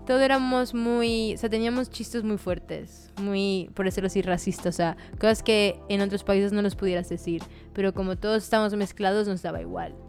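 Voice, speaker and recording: A woman's voice: mid-range voice, steady tone, fairly quick, few pauses, a little mellow, faint music behind. Chatty Latin American woman guest. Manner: chatty, many fillers and "¿sabes?" tags. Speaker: podcast guest. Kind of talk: casual conversation.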